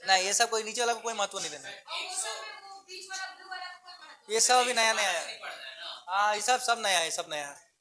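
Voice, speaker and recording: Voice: mid-range voice, normal speed, long pauses, crowd noise. Teacher chanting memory tricks to a class. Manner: drills students with chanted mnemonics and repeated questions; chatty, informal, teasing. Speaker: chemistry teacher. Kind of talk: classroom lecture. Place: classroom with students. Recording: classroom with students talking in the background.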